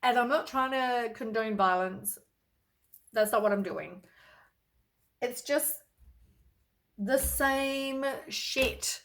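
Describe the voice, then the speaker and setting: Blunt, exasperated higher-voiced woman. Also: slow, pauses often, a bit bright. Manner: blunt, exasperated, swears casually; lots of sighs and fillers. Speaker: tarot reader. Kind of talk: casual tarot reading to camera.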